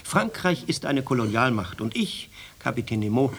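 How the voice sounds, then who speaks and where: An actor playing a pompous, patriotic French sea captain in a radio drama, declaiming proudly. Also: male voice, mid-range voice, very animated, moderate pace, vocal fry, a little hiss or hum. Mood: pompous, boastful.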